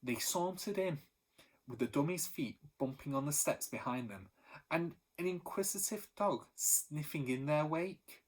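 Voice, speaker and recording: A male teacher reads a chapter of a children's storybook aloud, steady and expressive, raising his voice for the characters. His pitch is fairly high and his pace unhurried.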